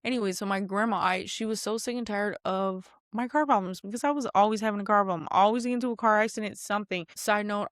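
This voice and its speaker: A woman's voice: no room sound, clean studio sound. Chatty young woman podcast host. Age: 20s. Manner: chatty, animated, frequent asides and jumps in pitch. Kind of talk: casual solo podcast monologue.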